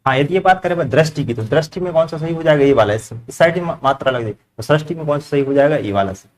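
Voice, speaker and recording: A man's voice: a little high, lively intonation, rapid-fire. A man teaching a grammar lesson to a class, asking the students questions and repeating their answers back. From India.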